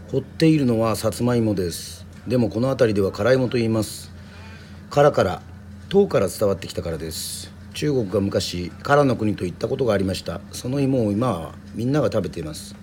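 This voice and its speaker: A man from Yoron Island, a musician and podcast host, reading a children's story aloud in a steady storytelling manner. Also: lowish voice, fairly quick, a little hiss or hum. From Yoron Island, Japan. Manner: steady storytelling with casual asides.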